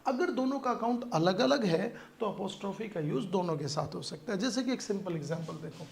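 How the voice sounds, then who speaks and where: A male teacher explaining English grammar in Hindi with an Indian English accent, often asking "clear to you?". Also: high-pitched, lively intonation, moderate pace, slight background noise. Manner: explains in Hindi with English examples, asks checking questions. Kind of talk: grammar lesson for exam prep. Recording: echoey room with faint ambience.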